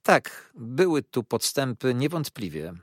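Man doing a calm, firm lawyer. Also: mid-range voice, a little slow, no echo, studio quality, voice pushed up. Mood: composed.

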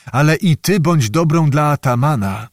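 A brash young giantess witch, as a male narrator puts her on coaxes in a folksy storybook voice. The voice sits a little above his own and carries loud and forward, with a dry close sound. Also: on the high side, lively intonation, moderate pace, dry recording. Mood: coaxing. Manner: coaxing, folksy speech.

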